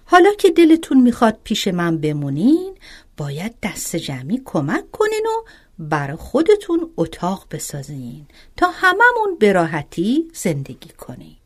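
Brief: motherly old storybook woman, soothing, lively pitch, voiced by a woman. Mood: kind. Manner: soothing, gently scolding.

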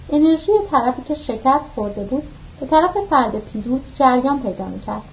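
A woman reading an audiobook aloud, narrating the story and voicing the dialogue lines with mild shifts of pitch. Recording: muffled lo-fi recording.

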